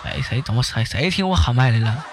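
A man's voice: medium pitch, lively intonation, fast, background noise. Flustered laughing man. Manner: flustered, laughing, self-mocking. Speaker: livestreamer. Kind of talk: livestream voice-call banter. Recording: music playing loudly underneath.

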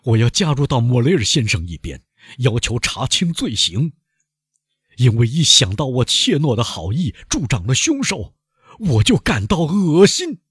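A man's voice: medium pitch, big pitch swings, unhurried, fairly bright tone, breathy edge, no echo, clean studio sound, voice pushed up, heavily acted. A man reading an audiobook, voicing a resolute doctor who declares himself in a ringing voice. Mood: indignant. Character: indignant male doctor, resolute. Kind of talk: audiobook character voice.

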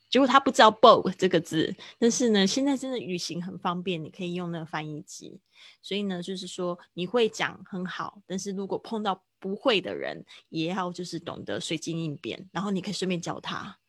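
A woman teaching English vocabulary in Mandarin on a livestream, explaining slowly and repeating words for drill. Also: on the low side, expressive, fairly bright tone, no room sound. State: hiccuping.

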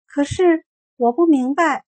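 A woman voicing an earnest, brave young girl who talks high and eager. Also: lively intonation, normal speed, a little mellow. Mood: puzzled.

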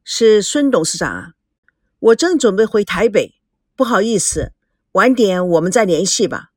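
A woman's voice: mid-range voice, very animated, normal speed, darkish tone, no room sound, studio quality, voice pushed down. A woman voicing a cold, curt middle-aged businessman who speaks in a clipped manner.

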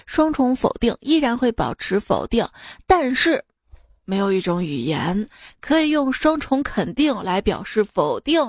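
A woman's voice: on the high side, darkish tone, dry recording, studio quality. A woman hosting a radio joke show, telling jokes casually and acting out the quoted lines, often laughing at her own punchlines.

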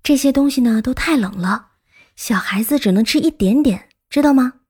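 A woman voicing a gentle young mother who talks softly and coaxingly to a child. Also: high-pitched, animated, moderate pace, breathy edge. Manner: soft and coaxing.

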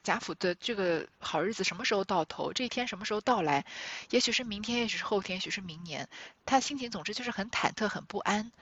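A woman's voice: mid-range voice, a bit bright, husky, dry recording. Woman retelling a classic novel. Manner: storytelling with small restarts and filler particles. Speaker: literature lecturer. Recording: dull dry recording.

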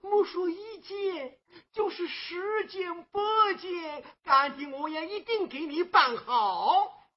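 A performer playing a soft-hearted old temple keeper, a man, in Huangmei opera, sighing and exclaiming with a breaking voice, on a dull lo-fi recording. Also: very high voice, slow pace. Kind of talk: Huangmei opera stage acting.

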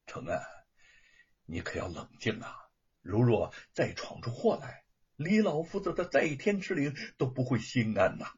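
Man doing a soft-spoken worried friend. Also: medium pitch, sing-song, a little slow, breathy edge, muffled recording, exaggerated voice. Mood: pleading. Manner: soft, pleading, restraining. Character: calm, worried young male friend.

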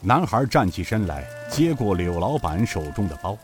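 A male storyteller narrates a serialized martial-arts novel in a lowish voice that moves with lively expression. His telling is measured and vivid, with soft music faintly in the background.

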